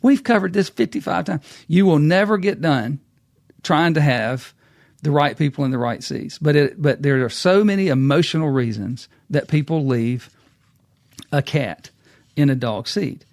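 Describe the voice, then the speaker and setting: A man's voice: fairly high pitch, a little slow, darkish tone, dry recording, clean studio sound. A middle-aged man, hosting a casual business talk and acting out quotes as a folksy storyteller. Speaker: podcast host.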